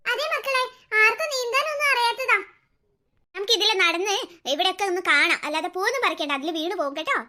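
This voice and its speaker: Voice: very high voice, lively intonation, fast talker, sharp tone, exaggerated voice. A performer voicing an anxious, protective cartoon mother of small children, fussing over them.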